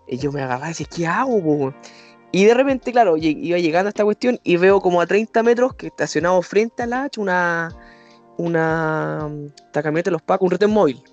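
A young man with a Chilean accent, telling a personal story in a slangy, animated way and putting on the voices of the people in it. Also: high-pitched, a little fast, muffled recording, faint music behind. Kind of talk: casual storytelling.

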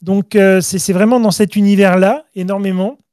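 A man's voice: high-pitched, fairly even intonation, normal speed, warm tone, no echo, clean studio sound. A man hosting a casual podcast, joking and leading the topics. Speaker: podcast host.

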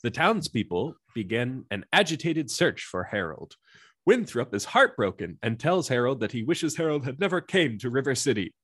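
Sarcastic, lively-voiced male podcast co-host. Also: mid-range voice, normal speed, slightly rough, no room sound, clean studio sound. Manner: sarcastic, self-deprecating, expressive. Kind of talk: casual chat and plot recap.

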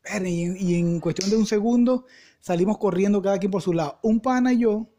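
A young Venezuelan man with a mellow, relaxed tone tells a story on a podcast. He is full of slang and jumps into little voices for everyone in it. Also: sits high, brisk. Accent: Venezuelan Spanish. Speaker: podcast co-host. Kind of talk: casual storytelling chat.

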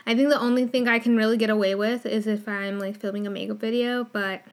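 A woman hosting a solo podcast in a fairly high voice with a clear lisp. She talks in a casual, chatty way, sprinkling in informal filler words like "like" as she goes. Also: fairly even intonation, fast talker. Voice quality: strong lisp. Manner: informal, filler-heavy with frequent "like". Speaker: podcast host.

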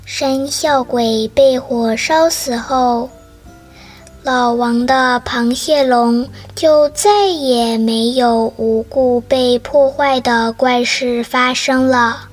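Very slow, high-voiced female storyteller. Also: soft background music. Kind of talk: scripted story narration.

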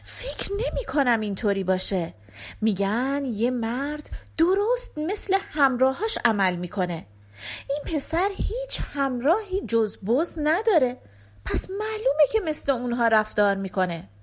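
A woman's voice: high voice, wildly swooping pitch, full character voice. Woman voicing a wise, firm merchant's wife. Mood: calm.

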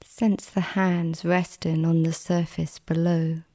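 In a relaxation meditation, a woman acting as guide adopts the style of a sleep story narrator. The pitch is fairly low and the delivery flat, while her soft voice, occasionally breathy, stays soothing and gentle through long pauses.

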